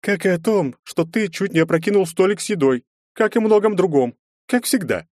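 Audiobook: man doing a raised, sharp-tongued young woman student, teasing and lecturing, dry close sound. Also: sits high, normal speed, dry recording, voice pushed up, natural voice. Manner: mocking, lecturing. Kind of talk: audiobook narration.

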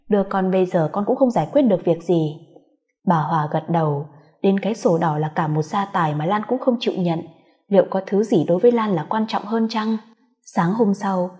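A woman reading a story aloud in steady scripted narration. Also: mid-range voice. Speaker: story reader.

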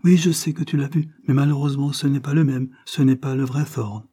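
A man reading the part of a frightened, gentle young woman who is soothing her brother, speaking softly and pleadingly. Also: mid-range voice, steady tone, brisk, slightly rough, pitched above the performer's own voice, close to an everyday voice. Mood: worried, soothing.

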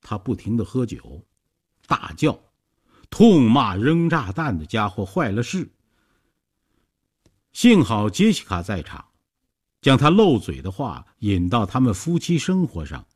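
Husky-voiced male storytelling narrator. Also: fairly low pitch, big pitch swings, measured pace, long pauses.

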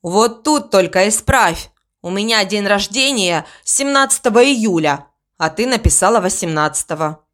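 A woman's voice: medium pitch, expressive, normal speed, fairly bright tone, close to an everyday voice. A woman reading an audiobook voices a grumpy, stubborn middle-aged man who grumbles and argues. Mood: arguing. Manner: grumbling, quarrelsome.

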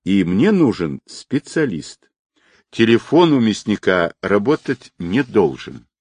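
A man voicing a calm, controlled colonel who gives quiet orders. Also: on the low side, slow pace, no room sound, heavily acted. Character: calm, authoritative male colonel.

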